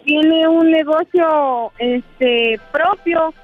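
Soft-spoken woman caller on a tinny phone. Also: high-pitched, very slow. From Mexico. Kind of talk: phone-in conversation. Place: on a bus. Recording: tinny phone line with music.

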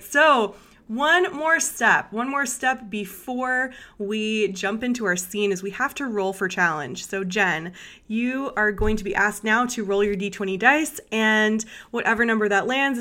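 A woman's voice: mid-range voice, sharp tone. A woman hosting a casual podcast chat, gushing and enthusiastic. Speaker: podcast host.

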